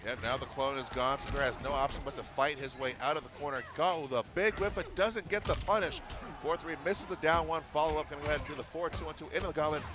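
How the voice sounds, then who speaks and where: A man doing energetic play-by-play commentary for a fighting game match. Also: on the high side, fast talker. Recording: commentary over loud game music.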